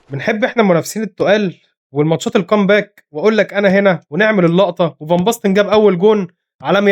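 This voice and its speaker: Egyptian male gamer commentating his own match, very fast, high voice, excitable, scolds his players, slightly hoarse. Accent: Egyptian Arabic. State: voice getting hoarse. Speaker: gaming commentator. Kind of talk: live gameplay commentary.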